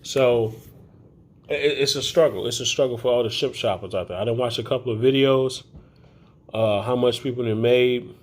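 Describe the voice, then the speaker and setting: A man talking casually to camera in a loose, chatty, rambling way with many fillers, recorded as a phone video. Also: medium pitch. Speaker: grocery delivery shopper vlogger. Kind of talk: casual vlog talk to camera.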